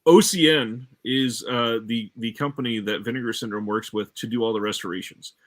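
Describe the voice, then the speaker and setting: A man's voice: mid-range voice, fairly quick. A man who is a streamer and guest, explaining details in a casual chat in an informed way. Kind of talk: casual chat about film releases.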